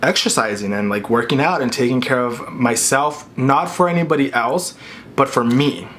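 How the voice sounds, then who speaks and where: A man's voice: mid-range voice, normal speed, fairly bright tone. Man chatting candidly while chewing, noisy background. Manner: chewing and talking with his mouth full; candid, casual, peppered with "like". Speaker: vlogger hosting an eating video. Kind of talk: casual chatty mukbang vlog. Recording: clear background noise, dish clinks and clicks.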